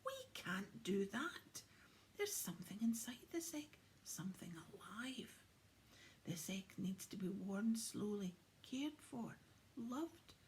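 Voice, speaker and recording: A woman voicing a huge, jolly, bumbling old Santa who talks in excitable old-fashioned exclamations, for a children's storybook. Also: mid-range voice, takes it slowly, a little hiss or hum. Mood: concerned.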